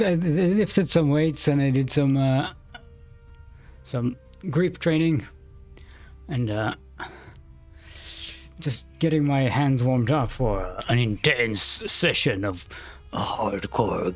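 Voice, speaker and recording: A man's voice: medium pitch, slow, pauses often, a little mellow, soft background music. A man hosting his live stream in a casual, rambling chat, a little out of breath and laughing often. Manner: laughing, rambling, self-interrupting. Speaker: streamer host.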